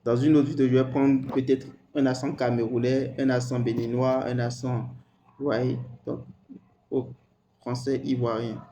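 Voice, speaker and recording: A man hosting a screen-recorded software tutorial, talking hesitantly and repeating words as he types. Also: medium pitch, level tone, normal speed, dull audio, a little hiss or hum. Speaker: tutorial host.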